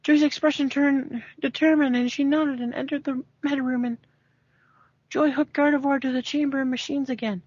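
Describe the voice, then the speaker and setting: A woman's voice: sits high, fairly even intonation, moderate pace, a little mellow, no echo. A woman doing an amateur read-aloud of a story, stumbling over words and sounding amused. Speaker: amateur fanfiction reader. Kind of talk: amateur dramatic reading with casual asides. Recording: dry, muffled home recording.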